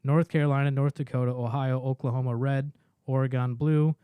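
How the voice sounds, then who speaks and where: A man co-hosting a podcast, reading off a list of states in a steady run, then talking through his reasoning in casual chat. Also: mid-range voice, fairly quick, clear, resonant tone, no room sound. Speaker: podcast co-host.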